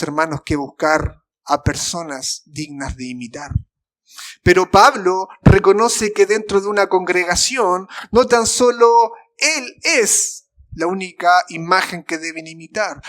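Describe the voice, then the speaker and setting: A man with a Chilean Spanish accent preaching a sermon in a church, his voice sitting high for a man. He presses points with fervent emphasis, then sinks into soft, drawn-out phrases. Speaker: pastor. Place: church sanctuary.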